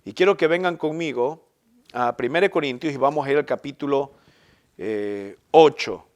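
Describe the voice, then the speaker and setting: A male pastor preaching a sermon in an earnest, emphatic way, swelling on key phrases and letting line endings fall soft. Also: medium pitch, moderate pace. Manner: earnest, emphatic preaching with rising bursts and soft trailing ends.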